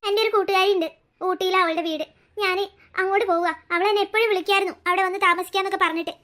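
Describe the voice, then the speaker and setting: A woman's voice: very high-pitched, fairly even intonation, rapid-fire, bright, forceful tone. A woman voicing a caring teenage older sister in a cartoon, reassuring her younger sibling. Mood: sad. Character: earnest teenage girl, protective older sister. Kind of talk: cartoon voice acting.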